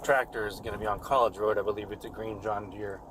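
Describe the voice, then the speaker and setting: Male dispatcher on police radio, fast and monotone, low voice, distant under music. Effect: police radio transmission. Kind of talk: terse dispatch call.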